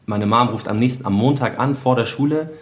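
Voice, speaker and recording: A man's voice: medium pitch, brisk. A young man telling a personal story in casual chat, earnest and vivid, acting out quotes and dropping English slang.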